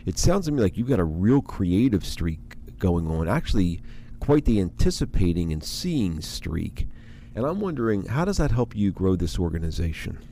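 Deep-voiced man hosting, interrupting often. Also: very animated, mellow, a little hiss or hum. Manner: brisk, interrupting, probing. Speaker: radio host. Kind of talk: radio interview.

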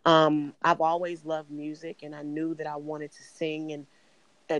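Guesting on a podcast, this middle-aged Chicago singer has a raspy voice and an earnest, measured delivery, her pitch flat and even throughout. She relates her story calmly and without rushing. The audio is poor and has no room sound.

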